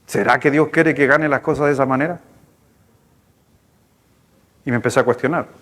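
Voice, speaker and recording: A male pastor with a Chilean accent, preaching a sermon in a lively, storytelling way, speaking to the congregation. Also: medium pitch, normal speed. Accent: Chilean Spanish. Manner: storytelling, animated, conversational with congregation. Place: church hall. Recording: long hall reverb in church.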